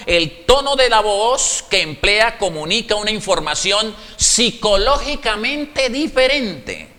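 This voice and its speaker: A man preaching a sermon, animated and acting out little dialogues in shifting tones of voice. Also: high voice. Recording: echoey hall reverb.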